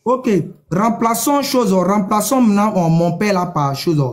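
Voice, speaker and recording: A man in a heated religious debate, pushy, repeating his demands and telling the other to calm down. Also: high-pitched, unhurried.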